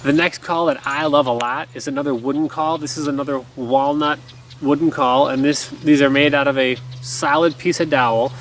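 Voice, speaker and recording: A man in his thirties giving a casual, easygoing instructional talk in an explanatory way. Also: mid-range voice. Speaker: duck call instructor. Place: outdoors in a garden by woods. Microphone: camera a few feet away. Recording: outdoor camera audio with background noise.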